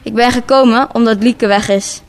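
A woman voicing a calm, friendly male police detective in his fifties. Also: a little high, normal speed, close to an everyday voice.

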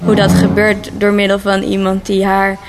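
A woman's voice: mid-range voice, monotone, normal speed, vocal fry, slight background noise. Woman author, thoughtful, hesitant, interview and book reading.

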